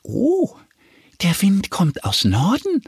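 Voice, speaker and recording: A man voicing an eager, helpful little female duck in a children's audio story, with a high excited squeaky delivery. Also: takes it slowly, gravelly, slightly rough, no echo, clean studio sound, exaggerated voice.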